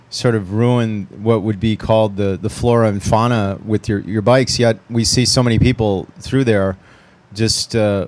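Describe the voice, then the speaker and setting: A man co-hosting a radio talk show, asking long, halting questions full of ums. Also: fairly low pitch, darkish tone. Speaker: radio co-host. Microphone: close studio microphone.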